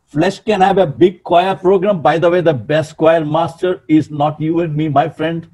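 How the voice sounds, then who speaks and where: With a fairly high voice and a moderate pace, a pastor in his sixties preaches emphatically on webcam from a small room. His delivery is animated, and he often calls out to his listeners.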